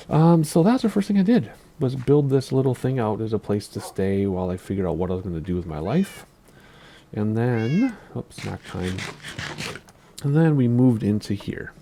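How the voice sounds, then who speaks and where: A man's voice: low-pitched, gravelly, dark tone, slight background noise. A man with a Minnesota accent giving casual gameplay commentary on a building tour, rambling along and asking himself questions aloud. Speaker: Minecraft YouTuber giving a base tour.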